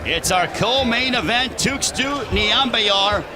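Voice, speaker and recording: A man's voice: high voice, lively intonation, slow pace, noisy background. A man calling a fight as a broadcast play-by-play commentator, with a polished, punchy delivery. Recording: very loud crowd and music behind.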